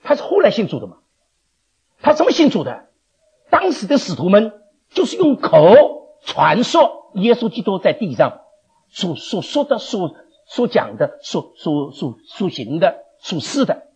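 A man teaching a Bible class, animated, questioning his listeners and chuckling often. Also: high-pitched, a little slow, slightly rough. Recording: dull lo-fi recording.

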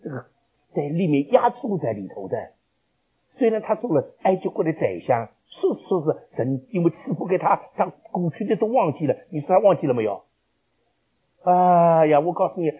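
A man preaching a sermon, asking rhetorical questions and swinging between loud, dramatic lines and quiet ones. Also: fairly high pitch, breathy edge. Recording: lo-fi dull recording.

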